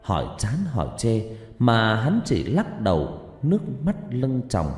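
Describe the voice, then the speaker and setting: A man narrating a ghost story in an expressive, dramatic way, recorded in an echoey room. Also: on the low side, a little slow, faint music behind. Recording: echoey room with long reverb.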